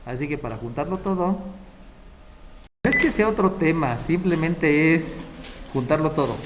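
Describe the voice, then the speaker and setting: A man's voice: on the high side, animated, moderate pace, background noise. A man giving a math lecture, explaining step by step and checking in with his students. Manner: explains step by step, often checking the class with short questions. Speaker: math teacher.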